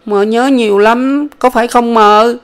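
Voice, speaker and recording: A man's voice: extremely high pitch, fairly even intonation, a little slow, fairly bright tone, smooth, voice pushed up. A man voicing a small girl pleading with her mother in a storybook reading. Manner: pleading, childlike.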